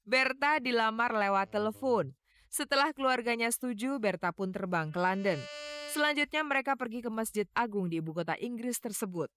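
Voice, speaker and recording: A woman narrating a TV feature in a measured, dramatic voice-over. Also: fairly high pitch, animated, fairly bright tone, smooth. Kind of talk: scripted TV narration.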